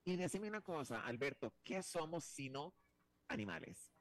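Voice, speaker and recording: A man's voice: a little high, expressive, normal speed, no room sound. Flamboyant chatty male talk host. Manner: flamboyant, teasing, chatty with many restarts. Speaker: show host. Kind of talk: playful talk-show banter.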